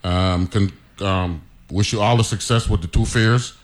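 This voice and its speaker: A man's voice: fairly low pitch, unhurried. A man with a Crucian accent hosting a casual radio talk show, chatty and playful, often repeating his words. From St. Croix, US Virgin Islands.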